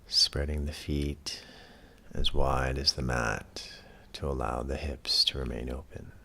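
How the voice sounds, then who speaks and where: A man with an extremely low, gravelly voice leads a guided relaxation as a yoga teacher. He speaks calmly and soothingly at a measured pace, leaving long pauses between phrases.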